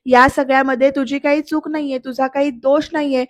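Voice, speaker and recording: A woman reading out the lines of an earnest young husband who gently pleads with his wife. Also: high-pitched, flat delivery, fairly quick, no room sound, lightly acted. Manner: gentle pleading, mixes English phrases.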